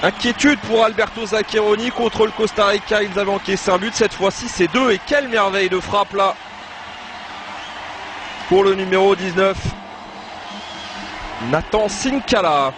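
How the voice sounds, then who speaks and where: A man giving live football match commentary, with excited exclamations when play heats up. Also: sits high, moderate pace, long pauses. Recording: noisy live match broadcast.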